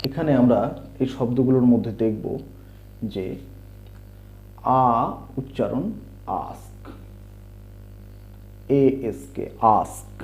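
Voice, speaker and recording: A man teaching English letter sounds, spelling words out and repeating the sounds slowly. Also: mid-range voice, mellow. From India. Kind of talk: slow explanatory lesson. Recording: dull lo-fi home recording.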